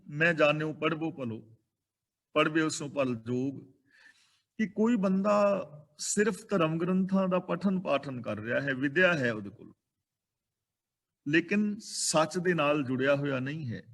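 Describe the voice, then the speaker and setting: A man with a Punjabi accent teaches sacred verses. His voice sits a little high. He chants each line slowly, then explains its pronunciation and meaning in a steady teaching manner. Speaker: scripture teacher.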